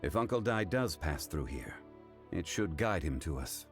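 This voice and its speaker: An actor playing a calm, ancient and dignified man who speaks in a composed, formal way. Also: low-pitched, normal speed, music in the background. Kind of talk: game voice acting. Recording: game soundtrack behind.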